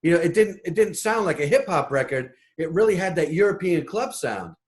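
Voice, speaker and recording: Chatty male interviewer, high voice. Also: sing-song. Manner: friendly, chatty questioner with quick backchannels. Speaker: interviewer for a magazine. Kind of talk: casual interview questions.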